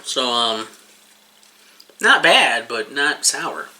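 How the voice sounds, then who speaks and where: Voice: mid-range voice, big pitch swings, extremely slow, sharp tone. A person giving a casual, rambling taste-test review, talking informally and swearing freely while eating.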